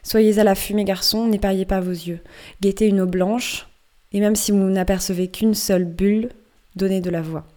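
A raging old sea captain, consumed by vengeance, as a woman reader puts him on. He declaims low and heavy, his voice dark and mellow. Read aloud in storybook style. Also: fairly even intonation, normal speed, natural voice.

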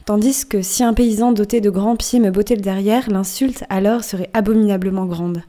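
A woman narrates as a cocky old-time sailor spinning a yarn about his dream, conspiratorial and amused. The voice is mellow and dark, steady in pitch, never rushed into a shout. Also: natural voice. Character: wry, boastful male sailor telling his dream. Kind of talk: audiobook reading.

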